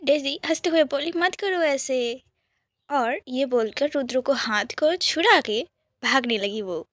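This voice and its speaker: A woman telling a romantic story in a soft, intimate whisper. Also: high voice, a little slow, no room sound, studio quality.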